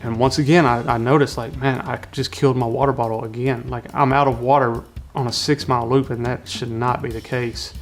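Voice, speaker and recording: A man telling, in a documentary interview, how he struggled through an ultramarathon, earnest and halting with many restarts. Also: medium pitch, steady tone, soft background music. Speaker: ultramarathon runner telling his story.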